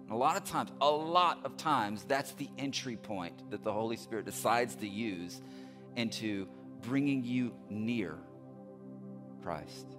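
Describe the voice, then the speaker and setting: A middle-aged man preaching a sermon from a large indoor church stage through a headset mic. He talks with earnest emphasis and repeats his key phrases, pressing hard at times and softening into quiet appeals at others. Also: mid-range voice, animated, a little slow, over music. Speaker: pastor.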